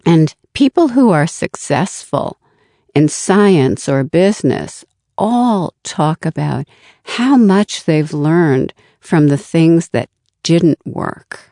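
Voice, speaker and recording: Slow, deliberate woman guest. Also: deep voice, animated, warm tone, no room sound, studio quality. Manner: slow, deliberate, acts out inner voices. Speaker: guest expert. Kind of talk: interview answers.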